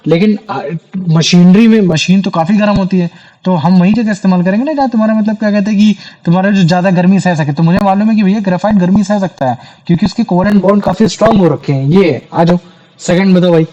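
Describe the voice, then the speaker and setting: Man teaching chemistry, high voice, mellow tone, chatty. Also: quick pace, lo-fi sound. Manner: chatty, calls students "bhaiya". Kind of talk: classroom chemistry lesson.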